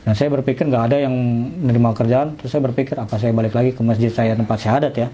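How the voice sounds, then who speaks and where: Man, middle-aged, quick speech, mellow tone, faint background noise. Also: mid-range voice, level tone. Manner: informal storytelling, acting out dialogue. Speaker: convert telling his story. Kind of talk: casual personal testimony.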